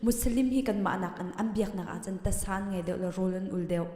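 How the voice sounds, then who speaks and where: A woman's voice: mid-range voice, very slow, dark tone. A woman, a guest, chatting casually about faith and her daily life. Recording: echoey room with long reverb.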